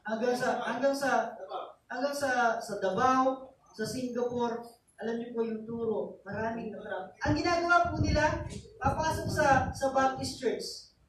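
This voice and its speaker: Filipino pastor preaching in an echoey hall. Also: male voice, extremely high pitch, steady tone, measured pace, fairly bright tone. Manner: storytelling, mixing Tagalog and English, frequent "diba?". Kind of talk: sermon. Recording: echoey, distant church recording with noise.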